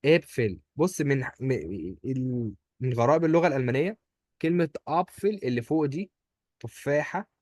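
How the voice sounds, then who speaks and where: A man's voice: mid-range voice, fairly quick, a little mellow, no room sound. A man with an Egyptian Arabic accent, teaching German pronunciation one-on-one, patiently repeating each word for his student. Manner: patient, drills words by repeating them.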